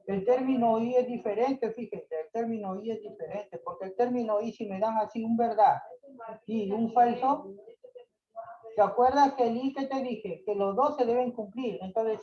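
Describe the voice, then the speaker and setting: Patient math teacher, muffled. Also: male voice, extremely high pitch. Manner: patient, repeats points, checks understanding with "¿ya?". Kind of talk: online class explanation.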